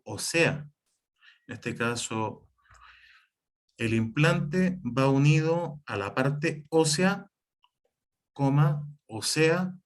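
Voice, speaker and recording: A man's voice: medium pitch, darkish tone. Man explaining spelling rules in a class. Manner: explanatory, repeats "por ejemplo" and "en este caso", some restarts. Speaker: teacher. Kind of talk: online class lecture on writing and spelling.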